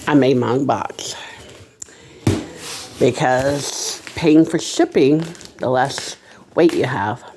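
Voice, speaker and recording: Casting: amateur vlogger, mid-pitched voice, unhurried delivery, casual but nervous, halting and rambling. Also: noisy background. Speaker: reseller making a first video. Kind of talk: casual vlog monologue.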